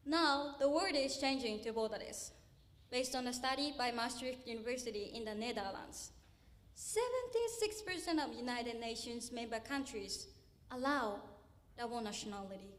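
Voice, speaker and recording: Young woman from Japan, bright high voice, earnest contest speech with pointed pauses. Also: lively intonation. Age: young adult. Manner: earnest, with deliberate emphatic pauses. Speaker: university student speech contestant. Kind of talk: memorized speech contest address. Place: university auditorium stage.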